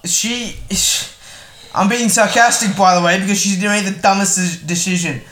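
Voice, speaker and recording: A man, co-hosting a casual film review podcast, animated and sarcastic, acting out quotes. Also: high voice, a little fast. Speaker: podcast co-host. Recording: echoey room with faint noise.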